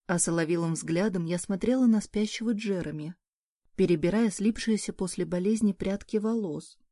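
A woman reading first-person audiobook narration, expressive and acting out her own character's lines. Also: mid-range voice, no room sound, studio quality.

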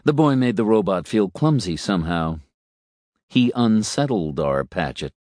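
A man reading a story aloud in a measured, unhurried way. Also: fairly low pitch, animated, darkish tone, no room sound, clean studio sound. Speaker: narrator. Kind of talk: storybook narration.

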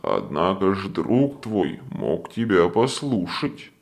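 A man reading an audiobook, voicing a menacing ghostly male monster with slow, solemn, old-fashioned threats. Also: sits low, very animated, creaky, pitched below the performer's own voice, full character voice. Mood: cold. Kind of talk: audiobook character voice.

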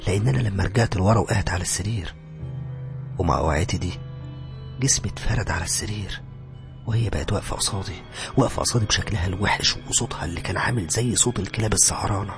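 Fast-talking Egyptian man narrating horror. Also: deep voice, gravelly, over music. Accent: Egyptian Arabic. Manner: tense, sometimes dropping to a whisper. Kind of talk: scripted first-person horror narration.

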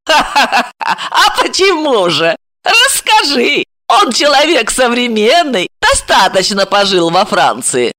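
A woman's voice: fairly high pitch, huge pitch swings, takes it slowly, pushed and bright, pitched above the performer's own voice, full character voice. A woman reading an audiobook and voicing a stormy, jealous young woman who mocks and interrogates her friend. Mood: mocking. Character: fiery, jealous young woman, sharp-tongued.

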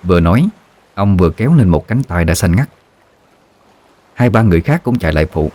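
Deep male storyteller, measured ghost-story read, dry booth sound. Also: lively intonation, a little mellow, dry recording. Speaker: narrator.

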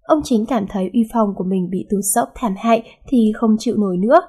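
A woman's voice: mid-range voice, a little fast, dark tone, slightly rough. Woman narrating a romance novel. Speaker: audiobook narrator.

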